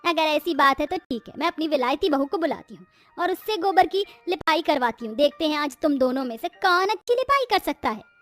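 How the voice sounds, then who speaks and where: Lady doing a blunt scolding mother-in-law, high voice, soft music. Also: lively intonation, a little fast. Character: bossy, sharp-tongued village mother-in-law.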